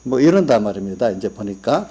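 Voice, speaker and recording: A man's voice: lowish voice, big pitch swings, fairly quick, warm tone, husky. A man preaching a sermon in a church, asking the congregation questions and telling personal family stories in an easygoing, conversational way. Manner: tells personal stories, quoting family members. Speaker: pastor. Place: church sanctuary.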